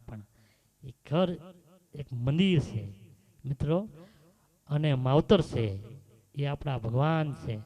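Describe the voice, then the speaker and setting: A man's voice: medium pitch, lo-fi sound. A man giving a devotional talk, telling stories and asking the audience rhetorical questions. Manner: lively storytelling with rhetorical questions. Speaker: bhajan singer and storyteller. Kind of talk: devotional sermon with anecdote.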